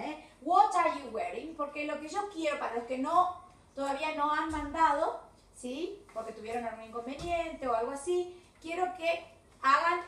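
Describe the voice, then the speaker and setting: A woman's voice: high-pitched, a bit bright. A woman with a Rioplatense Spanish accent, teaching an English video class to children, mixing English and Spanish, encouraging and repeating words with frequent checks for understanding. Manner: switches between English and Spanish, slow and drawn-out for the children. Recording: echoey room with faint background hiss, from a distance.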